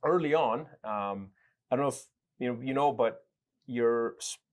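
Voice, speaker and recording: A man's voice: medium pitch, moderate pace. A man from El Salvador, a guest in an interview, telling his story reflectively, with frequent restarts and fillers. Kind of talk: conversational interview.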